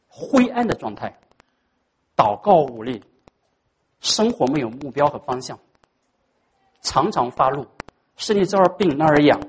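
A pastor preaching a sermon in a dramatic way, swinging between hushed and loud and dropping English words into the speech. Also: mid-range voice, a little hiss or hum, low-quality recording.

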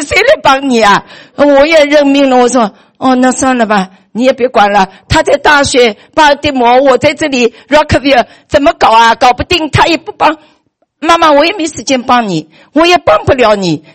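A middle-aged woman, telling a personal story on her vlog in an animated way, often repeating words and restarting. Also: high voice. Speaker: vlogger.

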